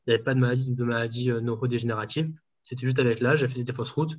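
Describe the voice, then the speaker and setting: A man's voice: medium pitch, steady tone, very fast, slightly rough. A man working as a home nutrition dietitian, answering interview questions casually with many fillers and restarts. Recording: dull lo-fi sound.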